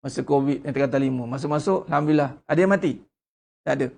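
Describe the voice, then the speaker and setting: Malaysian ustaz guy giving a sermon, blunt and lively, acts out quotes, kinda raspy fry in the voice. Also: fairly high pitch, racing. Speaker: religious teacher.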